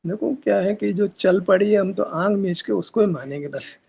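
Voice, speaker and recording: A man's voice: high-pitched, normal speed, vocal fry, warm tone, slight background noise. A man teaching at a meditation session, arguing his point with rhetorical questions and casual asides. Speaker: spiritual teacher. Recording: dull lo-fi recording.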